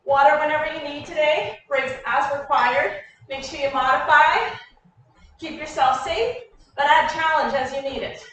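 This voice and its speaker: A woman fitness coach with a high voice leads exercises in short, directive cues. She is energetic and encouraging as she counts through moves. The recording is very reverberant and distant, with faint noise. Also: normal speed. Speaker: fitness coach leading a warm-up. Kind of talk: group workout instruction, clipped cues and countdowns. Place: echoey indoor room, heard from a distance. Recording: very echoey room, distant mic, faint noise.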